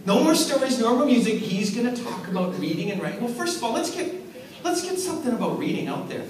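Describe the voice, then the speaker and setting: A man, an author, giving a lively talk to schoolchildren at an assembly. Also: extremely high pitch, fast. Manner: animated storyteller, acts out voices and hums riffs. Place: school hall with audience. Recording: echoey hall from far off, noisy.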